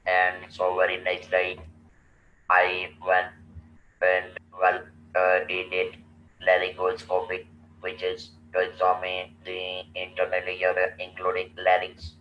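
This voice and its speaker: A low, flat-voiced Indian man in his sixties speaks as a guest, slowly relating his own experiences. He picks his words deliberately, halting and restarting along the way, and the muffled, distant recording carries a roomy sound and faint noise.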